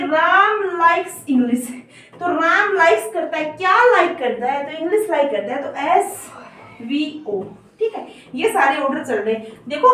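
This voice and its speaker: A woman's voice: very high voice, fairly bright tone. A woman teaching an online English grammar lesson, explaining step by step and checking in with her students often. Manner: explanatory, repeats "theek hai" to check understanding. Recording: very echoey room, voice from a distance.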